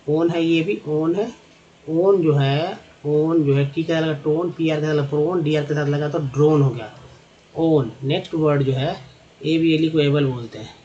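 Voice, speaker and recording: A man with a Hindi accent teaching English phonics, building words slowly from spelled-out parts and repeating each one. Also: a little high, warm tone, highs cut off, slight background noise. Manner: slow, repetitive, drawn-out explaining.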